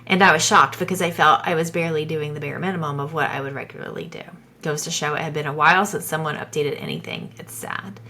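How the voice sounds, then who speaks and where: A woman with a Southern US accent, co-hosting a podcast in a casual, animated way. Her voice sits a little low but sounds bright and forward. She talks in quick bursts with frequent restarts. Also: slight background noise. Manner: animated, chatty, laughs often, many restarts. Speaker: podcast co-host. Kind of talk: casual chat reading listener stories.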